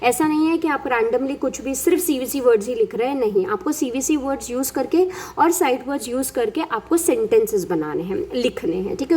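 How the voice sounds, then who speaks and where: A young woman gives step-by-step teaching tips to parents, mixing in English terms and slowly modelling example words. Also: high-pitched, a little mellow. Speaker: parent educator. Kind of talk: instructional talk.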